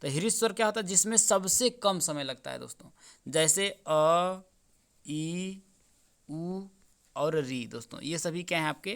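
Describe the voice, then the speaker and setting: In a lesson solving an exam paper, a teacher works through the answers, repeatedly asking his students questions and calling them friends. His voice is a little high, expressive, somewhat slow, and fairly bright.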